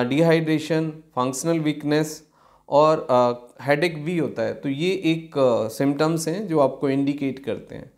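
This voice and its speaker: Hindi-speaking doctor explaining to camera. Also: male voice, fairly high pitch, darkish tone. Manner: explanatory, unhurried, many fillers, mixes English terms into Hindi. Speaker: physician. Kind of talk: health education talk to camera. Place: small clinic office, indoors.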